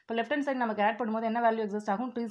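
A woman teaching an exam-prep maths lesson, working through formulas step by step and reading each term slowly and deliberately. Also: a little high, steady tone, muffled recording.

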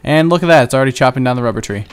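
A young gaming channel host offers casual Let's Play commentary over his own session, chatty and rambling, drifting into asides and little self-deprecating jokes. His smooth, resonant, middle-pitched voice comes out rapid-fire. Keyboard clicks can be heard from his desk.

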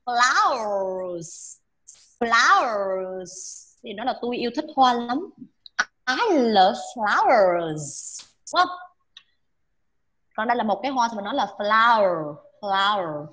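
A woman teacher leads a class through English pronunciation drills, repeating each sound for the students to echo and checking in with them often. Her voice is medium-pitched and a bit bright.

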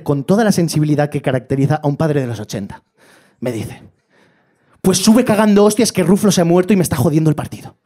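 A man doing a stand-up comedy set on a club stage, telling stories in an animated way and breaking into loud impressions of his family. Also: sits high. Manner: animated storytelling, shifting into shouted impressions of family.

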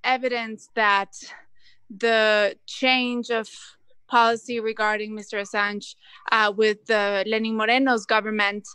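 A woman's voice: a little high, flat delivery, measured pace, sharp tone, smooth, no room sound. A woman journalist from Ecuador asking a careful, hesitant question over a video call.

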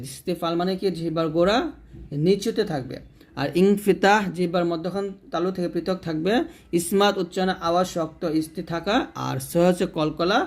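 A man giving a recitation lesson, explaining and demonstrating each letter sound slowly, and asking viewers to repeat after him. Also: high voice. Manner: addresses viewers directly. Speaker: Quran recitation teacher. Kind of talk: tajweed lesson.

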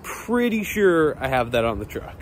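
With a slightly high voice, big pitch swings and normal speed, an HVAC technician in his thirties records casual, off-the-cuff talk about his workday. He holds a phone at arm's length and partly mutters to himself, often in cramped boiler basements.

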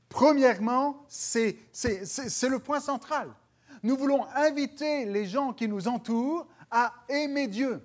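A man with a Quebec French accent preaching a sermon, earnest, with repeated phrases and restarts. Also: very high-pitched. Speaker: pastor. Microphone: broadcast church recording.

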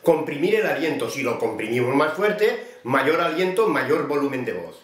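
Male voice coach explaining vocal exercises patiently to a student; slightly high speaking voice; roomy, echoing space. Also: sing-song, moderate pace. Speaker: voice teacher. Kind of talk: vocal technique lesson.

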